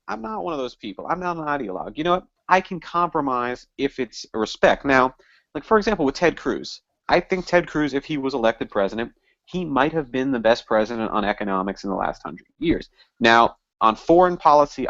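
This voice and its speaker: A man being interviewed on a podcast, talking in emphatic, animated bursts. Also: medium pitch, no echo. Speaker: guest, party office candidate. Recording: dull lo-fi dry sound.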